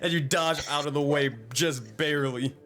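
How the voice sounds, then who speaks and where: A man's voice: fairly high pitch, fairly even intonation, moderate pace, fairly bright tone, faint music behind. A man running a tabletop game as game master, improvising narration in an informal, sweary way.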